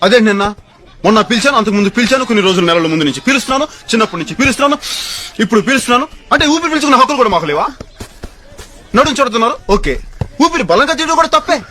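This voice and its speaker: A man's voice: very high-pitched, animated, very fast, sharp tone. A man in an exaggerated comic rant that keeps repeating itself. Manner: exaggerated, repetitive ranting.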